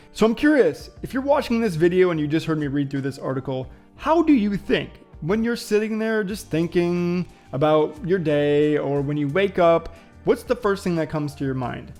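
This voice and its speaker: Thinking out loud for his viewers, this vlogger leans on plenty of fillers and pauses in his reflective talk. The voice is on the high side and slightly mellow.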